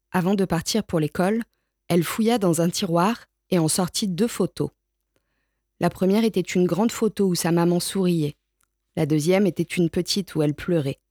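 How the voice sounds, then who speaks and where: A woman reading a storybook aloud in a calm, measured, unhurried way. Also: fairly low pitch, no echo, studio quality.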